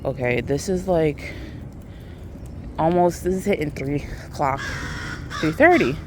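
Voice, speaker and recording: With a low, unhurried voice, an American vlogger strolls outdoors while recounting a story to her viewers, playfully performing the quoted lines. Ambient outdoor noise fills the recording.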